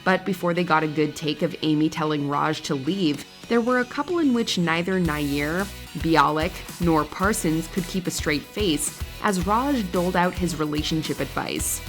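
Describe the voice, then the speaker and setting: A woman's voice: sits low, moderate pace. A woman reading scripted narration for a countdown list. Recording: music behind the voice. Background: background music.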